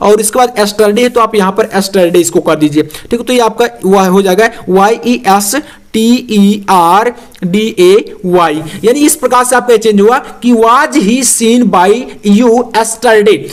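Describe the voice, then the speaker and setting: A young man teaching English grammar to exam students, explaining slowly and spelling words out letter by letter. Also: sits high.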